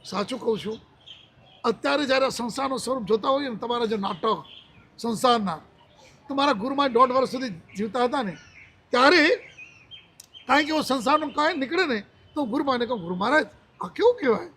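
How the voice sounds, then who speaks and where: A man's voice: extremely high pitch, brisk, long pauses, pushed and bright, slight background noise. A man in his seventies, a monk giving a religious discourse, telling a personal story and acting out the dialogue he quotes. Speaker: Jain monk.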